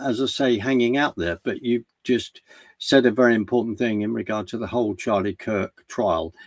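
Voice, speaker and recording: A man's voice: fairly low pitch, darkish tone, dry recording. A man giving earnest commentary in a conversation, often restarting his sentences. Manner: earnest, halting with many restarts. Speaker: guest commentator.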